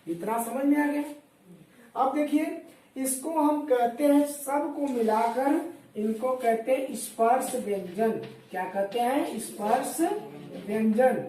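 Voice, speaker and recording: A woman's voice: a little high, warm tone. A woman teacher giving a classroom lesson, drilling questions and answers. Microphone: far camera. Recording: echoey room from far off.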